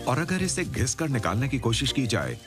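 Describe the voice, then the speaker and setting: A man narrating a nature documentary from a script, with a measured, explanatory storytelling delivery. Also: mid-range voice, big pitch swings, music in the background.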